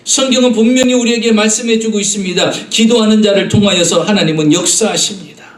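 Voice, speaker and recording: A man's voice: high-pitched, fast, reverberant, far from the mic. A man preaching a Sunday sermon as pastor, earnestly addressing the congregation and acting out voices in his stories. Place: church sanctuary.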